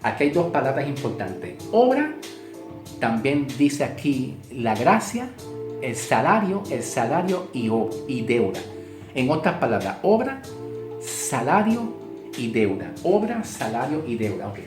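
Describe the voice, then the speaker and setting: A man's voice: mid-range voice, expressive, a little slow. A man teaching a Bible sermon, emphatic, repeating key words and asking rhetorical questions. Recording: echoey room with guitar music. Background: guitar music.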